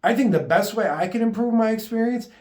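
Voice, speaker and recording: Male self-help vlogger, fairly high voice, earnest and rambling, recorded in an echoey room. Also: a little fast, a little mellow. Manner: rambling and earnest, with frequent fillers and restarts. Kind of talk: casual unscripted monologue.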